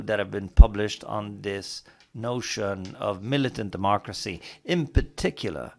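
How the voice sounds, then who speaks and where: A man answering as a panelist at a conference, speaking in a deliberate, formal way. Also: fairly low pitch, gravelly.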